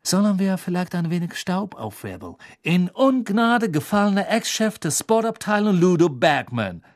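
A man's voice: medium pitch, very animated, normal speed, breathy edge, dry recording, clean studio sound. A man voicing a gushing, spiteful woman reporter in an audiobook, smug and falsely sweet. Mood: gloating.

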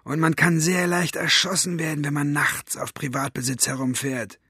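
A man's voice: fairly high pitch, level tone, moderate pace, bright, forceful tone, slightly rough, no echo, studio quality, voice pushed up, exaggerated voice. Man playing a mocking, bossy thug from a storybook, voice pushed up a bit. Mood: menacing. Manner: sneering, commanding. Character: menacing male henchman with a shotgun.

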